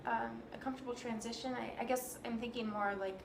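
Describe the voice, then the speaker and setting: Woman, interviewer, gentle curious questions, attentive listener, echoey room, noticeable background noise. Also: fairly high pitch, brisk, gravelly. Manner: attentive, asks gentle questions, frequent soft backchannels. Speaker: interviewer, violinist. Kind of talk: casual interview. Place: room in New York. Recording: roomy sound with steady background noise.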